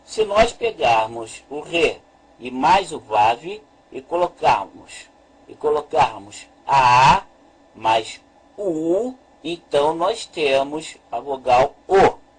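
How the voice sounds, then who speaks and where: A man teaching a methodical lesson, slowly repeating his points and pointing to a chart as he explains. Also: on the high side, sing-song, breathy edge, low-quality recording. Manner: slow, deliberate, repeats points with "veja bem". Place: at a screen with a chart.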